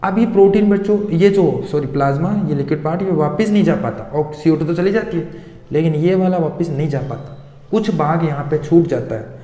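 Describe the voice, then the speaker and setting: A man teaching science, putting questions to his students and answering them himself, going over the key terms again and again. His voice sits a little high for a man. The room is bare and echoey, with a long reverb trailing after each phrase. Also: a little fast, warm tone. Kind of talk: blackboard science lesson.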